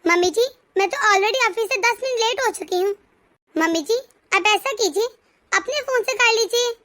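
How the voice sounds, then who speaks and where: A dutiful young daughter-in-law in an animated story, voiced by a woman, speaking in a very high voice. Her tone is bright and polite but steady and firm. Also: normal speed, no echo, studio quality. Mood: calm.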